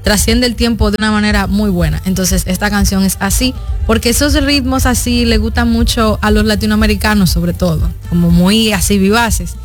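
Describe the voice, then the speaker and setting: Guesting on a relaxed radio interview, this twenty-something woman from the Dominican Republic talks at normal speed in a mid-range voice with her Dominican Spanish accent. She is earnest and thoughtful, pausing between phrases, while faint music sits in the background.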